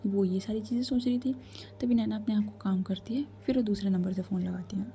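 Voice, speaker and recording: A woman's voice: mid-range voice, fast, warm tone, a little hiss or hum. A woman narrating a story in a chatty, whispered storytelling manner, speaking directly to listeners.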